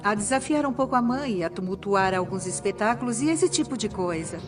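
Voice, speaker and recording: A woman's voice: mid-range voice, animated, a little fast. A woman, a former trainer, recounting memories in a documentary interview. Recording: clear music behind the voice.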